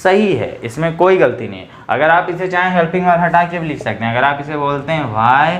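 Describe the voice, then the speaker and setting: A man teaching English grammar in a casual, chatty classroom style, reading English examples slowly and explaining them. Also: a little high, expressive, fairly bright tone, echoey room. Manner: chatty, addresses viewers as bhai and bhaiya.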